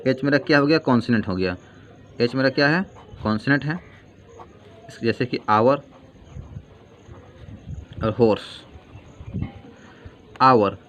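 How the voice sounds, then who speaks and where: A male grammar teacher giving a lesson, asking questions and answering them himself and repeating key terms slowly. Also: on the high side, a bit bright, clean tone. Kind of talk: classroom-style grammar lesson. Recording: dull lo-fi sound with faint noise.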